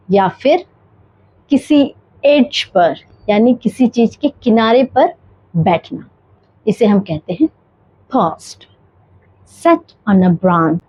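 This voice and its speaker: Slow, careful woman teaching vocabulary. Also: mid-range voice, highs cut off. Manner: slow, deliberate pronunciation drills. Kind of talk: bilingual vocabulary lesson.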